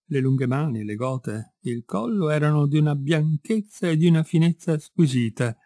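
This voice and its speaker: A man reading a classic short story aloud in a measured, expressive storytelling manner. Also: on the high side, dry recording, studio quality. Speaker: audiobook reader. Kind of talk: literary read-aloud narration.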